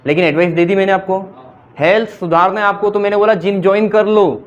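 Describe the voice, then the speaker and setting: High-voiced man teaching grammar. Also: steady tone, quick pace, lo-fi sound. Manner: mixes Hindi with English examples, quizzes students with questions. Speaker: English teacher. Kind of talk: classroom grammar lecture.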